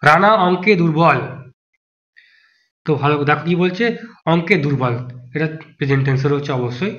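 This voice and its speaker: A man's voice: a little high, a little fast, a bit bright. A man teaching an exam-prep grammar lesson, talking through each answer option aloud and rejecting the wrong ones. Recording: muffled lo-fi voice recording.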